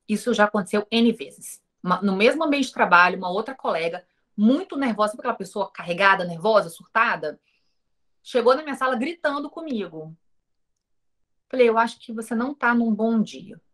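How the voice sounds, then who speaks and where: A Brazilian woman with a Brazilian Portuguese accent runs an informal recorded online course, speaking directly to viewers. Her mid-range, fairly bright voice has lively intonation and normal speed with frequent pauses, and she uses rhetorical questions and quotes dialogue from her own stories.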